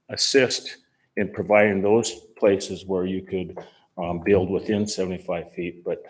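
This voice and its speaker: Deep-voiced older man testifying. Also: darkish tone. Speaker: fish and wildlife commissioner. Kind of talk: public testimony at a meeting.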